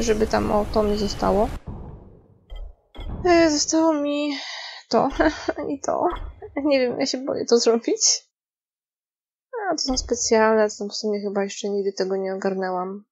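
A woman's voice: on the high side, creaky, a little mellow, a little hiss or hum, rough recording. Chatty woman narrating her gameplay. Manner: chatty, talks to herself, swears and yelps when scared. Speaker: gaming streamer. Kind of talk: casual let's-play commentary.

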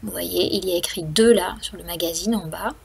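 A woman's voice: fairly low pitch, a little fast, gravelly, a little mellow. A woman storyteller reading a picture book aloud to young children, speaking to them directly and counting aloud with them.

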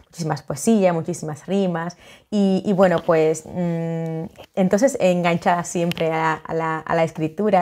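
A middle-aged woman from the Dominican Republic, an author who talks warmly and chattily into a webcam at home, with many fillers and restarts. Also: fairly low pitch. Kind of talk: casual video greeting. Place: home living room, indoors.

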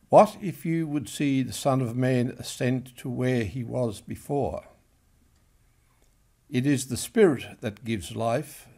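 Older clergyman reading scripture real slow and solemn, chapel lectern mic. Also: mid-range voice, a little mellow. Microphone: gooseneck lectern microphone.

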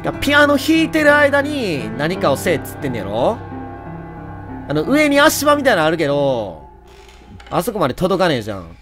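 A man with a Kansai accent giving jokey, animated running commentary on a horror game and talking to its characters. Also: high-pitched, normal speed, music in the background. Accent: Kansai Japanese. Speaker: let's play host.

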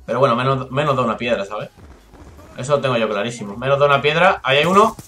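A young man from Spain with a Spanish accent, excitably commentating a live shooter game, swearing and chatting with his viewers. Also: medium pitch, quick pace, soft background music. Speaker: gaming streamer.

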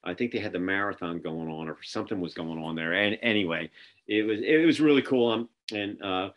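A middle-aged man with a low-pitched voice hosts a relaxed interview on a video call, talking fairly quickly and restarting often amid many fillers as he tells stories. The webcam recording sounds muffled, and he's in an indoor office with a printed backdrop.

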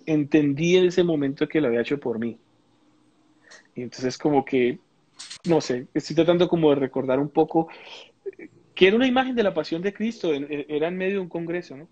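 A man's voice: a little high, darkish tone, dry recording, lo-fi sound. A man gives a personal testimony in a live interview. He talks reflectively, searching for words and often restarting. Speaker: interview guest.

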